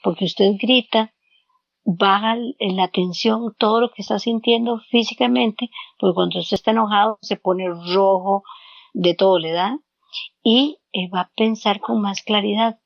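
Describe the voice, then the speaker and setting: A woman's voice: medium pitch, a little slow, creaky, no echo. A woman guest giving counseling advice in an interview, explaining step by step and repeating words as she searches for them. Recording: dull lo-fi, dry sound.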